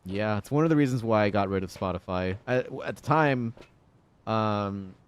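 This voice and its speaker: A man's voice: lowish voice, moderate pace, clean tone. A man in his thirties streaming a game, chatting casually and jokily, rambling between stories and swearing now and then. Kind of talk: casual gaming stream chat.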